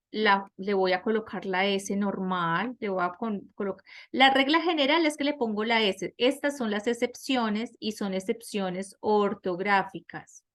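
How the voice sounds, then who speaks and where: Teaching English grammar in an online class, a woman explains things step by step and frequently puts questions to her students. Her voice is on the high side.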